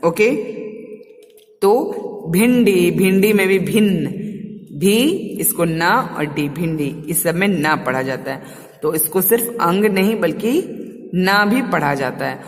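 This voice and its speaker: A woman teacher giving a Hindi lesson to small children, coaxing them and repeating words for them to echo. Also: lowish voice.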